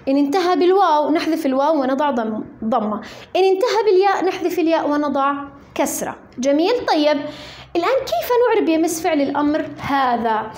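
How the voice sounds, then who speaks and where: A high-pitched woman with a Levantine Arabic accent gives a grammar lesson, putting questions to her pupils and then answering them herself. She slows right down to spell out examples word by word as she writes them. The recording rings with the echo of a roomy space. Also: darkish tone.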